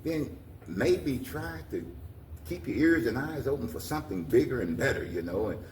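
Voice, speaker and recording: An older American man, guest and community organization president, gives animated interview answers at a normal speed in a medium-pitched voice. His encouragement is plain-spoken and folksy, with plenty of repetition. The mic is distant, the room roomy, and faint noise comes through.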